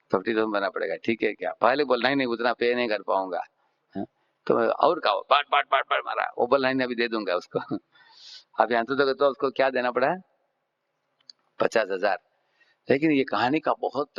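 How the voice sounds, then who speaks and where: A man giving a devotional lecture and telling a story, often checking in with the audience. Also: lowish voice. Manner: checks in with the audience, asking "hmm?" and "right?". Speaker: devotional speaker. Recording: slightly dull lecture recording.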